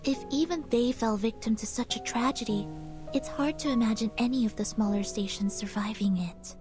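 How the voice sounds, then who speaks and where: An actress voicing a calm, analytical young female companion in a game, speaking in a measured, logical way. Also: on the high side, over music, lightly acted. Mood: composed. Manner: measured, logical, matter-of-fact. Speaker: game character. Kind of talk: game voice acting.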